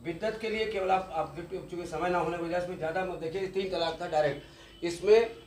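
A man delivers an exam-focused law lecture in a slightly high voice, patiently explaining and repeating key terms. His voice rings in an echoey room. A faint ambient hiss sits underneath. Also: steady tone, a little fast, darkish tone. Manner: explanatory, repeats key terms, mixes English legal words.

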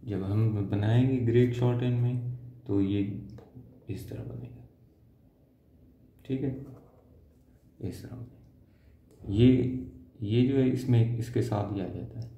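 A man teaching a shorthand lesson step by step, slow and patient, trailing off softly as he draws each symbol. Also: fairly low pitch, fairly even intonation. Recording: dull lo-fi sound in an echoey room.

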